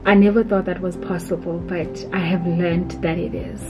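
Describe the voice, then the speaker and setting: South African woman vlogger, lower voice, heartfelt prayerful voice-over, muffled lo-fi recording over music. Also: level tone. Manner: slow, tender and prayerful. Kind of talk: heartfelt anniversary letter read as voice-over. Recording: dull voice-over under loud music.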